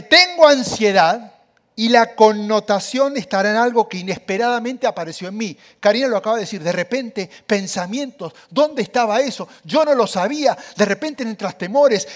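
A man's voice: high voice, normal speed, few pauses. A man preaching a sermon, speaking animatedly and addressing the audience directly.

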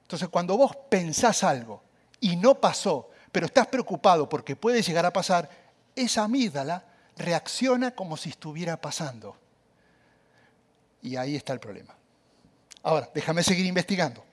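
High-pitched guy preaching, lively, talks right to the crowd. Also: normal speed. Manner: animated, addresses the audience directly. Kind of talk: sermon.

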